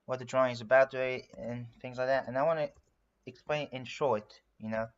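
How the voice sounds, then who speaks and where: A man's voice: mid-range voice, fairly even intonation, brisk, lo-fi sound. A man from France, a native French speaker, chatting casually on a livestream as he works on a drawing, rambling with lots of fillers and narrating what he does. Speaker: streamer. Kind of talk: casual live-stream chat while drawing.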